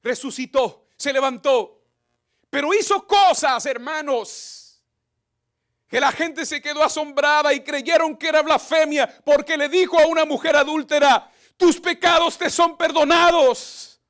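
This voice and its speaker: Male pastor, high-pitched, slow, impassioned, repetitive sermon delivery. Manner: impassioned preaching, swinging between shouts and whispers; repeats phrases for emphasis.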